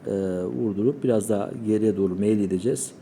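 A man teaching Quran recitation, calmly explaining pronunciation and demonstrating sounds slowly. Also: lowish voice, a little hiss or hum.

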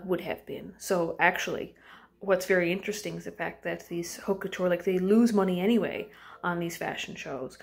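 A woman teacher giving an informal recorded lesson from home. She talks in a loose conversational way, asking her students questions and often pausing on um and uh. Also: on the low side, vocal fry.

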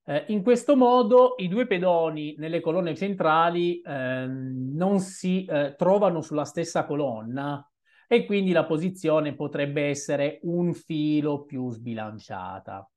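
A young man commenting on his own chess game as he plays, thinking aloud in an unhurried, musing way with hesitant asides, recorded on a webcam at a desk in a small room. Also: a little high, lively intonation, darkish tone. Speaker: chess streamer.

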